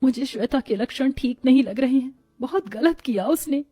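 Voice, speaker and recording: A woman voicing a kind, patient elder daughter-in-law in a storybook, gentle yet firm. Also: sits high, moderate pace, slightly rough, no echo.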